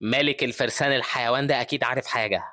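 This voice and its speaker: Man as young male hero, determined, urgent, Egyptian accent, very fast, dry. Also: mid-range voice, fairly even intonation, sharp tone, no echo, natural voice. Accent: Egyptian Arabic.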